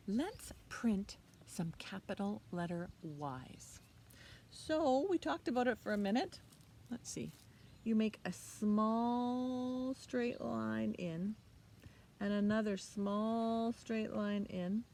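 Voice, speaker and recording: A middle-aged woman with a mid-range voice hosts children's storytime out by a leafy hedge, combining picture book reading with a lesson. She talks to the young children simply and expressively, asking them questions along the way. There's faint noise in the outdoor recording.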